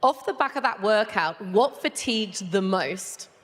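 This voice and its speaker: A woman's voice: medium pitch, animated, measured pace. A woman conducting a post-event interview as a sports sideline reporter. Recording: reverberant arena hall.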